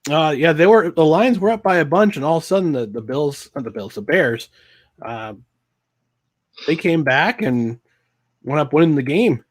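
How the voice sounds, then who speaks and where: Recapping plays with mock exasperation, this man co-hosts a laid-back football reaction podcast. His fairly high voice is expressive, and he talks at a normal speed.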